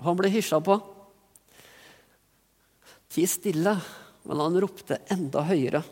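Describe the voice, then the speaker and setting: A man's voice: fairly high pitch, a little mellow, big-room sound. A man from Norway giving an earnest, reflective sermon with rising emphasis in places. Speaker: pastor.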